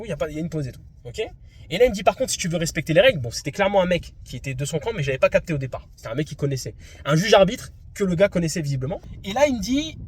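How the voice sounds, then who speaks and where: A man in his twenties from France, retelling a tennis match dispute in an indignant, animated vlog. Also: high-pitched, slightly rough. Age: 20s. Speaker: tennis vlogger. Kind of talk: vlog story recap.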